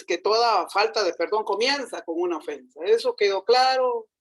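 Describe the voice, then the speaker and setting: A man's voice: high-pitched, low-quality recording. A man preaching a sermon in a conversational way, often checking in with his listeners. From Costa Rica. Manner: conversational, frequent rhetorical tag questions.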